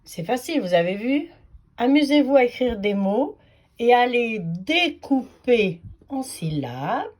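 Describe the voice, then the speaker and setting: Slow, lively-voiced woman teacher. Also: a little high. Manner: slow, patient, sing-song teacher voice. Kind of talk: children's phonics lesson.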